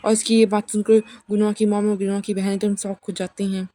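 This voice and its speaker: A woman's voice: medium pitch, level tone, fairly quick, dark tone, no echo. A woman narrating a webcomic recap in a casual, matter-of-fact way.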